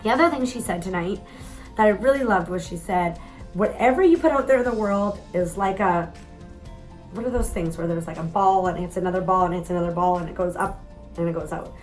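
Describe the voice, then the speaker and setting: A woman's voice: fairly low pitch, fairly quick, soft background music, poor audio. A woman, telling a candid, chatty story to the camera, with some mild swearing. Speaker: vlogger.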